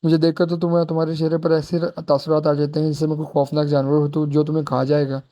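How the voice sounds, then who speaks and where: Man voicing a domineering young husband, harsh, scolding, dark tone, storybook reading. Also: fairly high pitch, little pitch movement, fast talker, close to an everyday voice. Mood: angry scolding.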